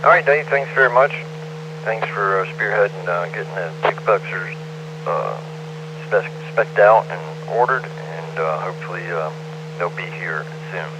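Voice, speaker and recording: A man acting as net control on a ham radio net. He is relaxed and thankful and hands the floor to each station in turn. He is heard over a radio transmission. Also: low voice, a little slow, noisy background. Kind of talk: on-air radio net chat.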